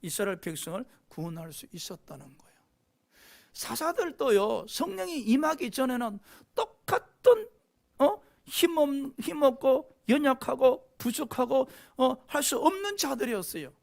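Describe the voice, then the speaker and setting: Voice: high-pitched, sing-song, moderate pace, creaky. A pastor preaching a sermon with passion, often prompting the congregation with a questioning "eh?". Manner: impassioned preaching, frequent rhetorical "eh?" prompts to the congregation.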